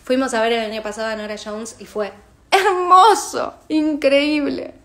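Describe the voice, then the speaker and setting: A young Argentine woman, a singer, chatting casually on a phone livestream and reading fan messages aloud with quick asides. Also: sits high, fairly even intonation, fairly bright tone. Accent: Argentine Spanish.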